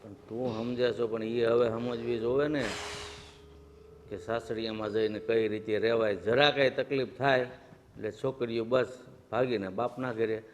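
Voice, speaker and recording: A man's voice: mid-range voice, lightly acted. A man playing a stern, lecturing father. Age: middle-aged. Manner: lecturing, weary. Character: stern, worried middle-aged father. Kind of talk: short-film family drama acting. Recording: dull lo-fi sound with music.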